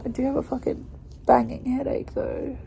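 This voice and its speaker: A young woman chats through her recovery vlog, her voice thick and congested from a stuffy nose and heavy with sleepiness. Her tone sits a little high but mellow and dark, with a gravelly fry running through it. She rambles loosely, filling gaps with "like" and "um". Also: flat delivery, normal speed, in a whisper, rough recording. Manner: chatty, rambling, frequent "like" and "um". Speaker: vlogger.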